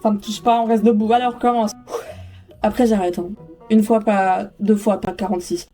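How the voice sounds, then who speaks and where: A young adult woman student chats casually in a vlog from her bedroom at home, often mocking herself and swearing. Her medium-pitched voice is level in tone, a little fast, and dark, with faint music behind her.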